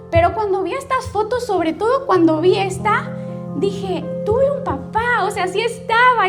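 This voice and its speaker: A Mexican woman pastor telling her life story as a testimony, storytelling and often checking in with the audience. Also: very high-pitched. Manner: storytelling, addresses the audience directly with frequent "¿ok?". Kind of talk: personal testimony sermon.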